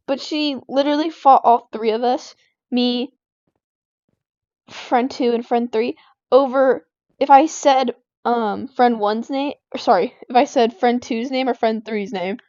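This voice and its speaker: A woman's voice: high-pitched, a little mellow, no echo. A teenage girl chatting casually while gaming, rambling through a story with lots of fillers and quoted back-and-forth. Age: teens. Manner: rambling, filler-heavy retelling of school drama. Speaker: gaming vlogger. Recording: dull, dry home recording.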